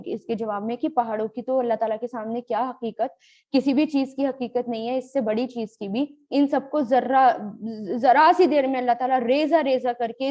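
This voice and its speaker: A woman teaching a Quran grammar and tafseer lesson, glossing each word slowly and mixing in English terms. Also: on the high side, mellow. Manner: slow, drawn-out word-by-word glossing with rhetorical questions; mixes English terms into explanations.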